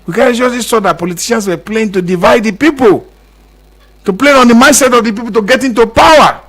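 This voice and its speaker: On a radio interview, a Nigerian guest commentator talks fast in a very high, fairly bright voice. He grows more forceful as he emphasizes his points, repeating them with passion.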